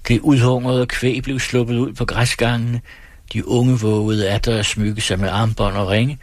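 A man reads a story aloud on a radio program, calm and measured. His voice sits low with a husky grain, and the studio sound is dry and close. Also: no room sound. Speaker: radio host reading stories. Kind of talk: reading fiction aloud.

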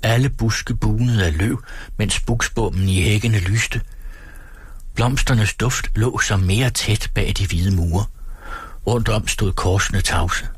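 A man reading a novel aloud as narrator, in a calm, measured way. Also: lowish voice, slightly rough, no room sound. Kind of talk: audiobook reading.

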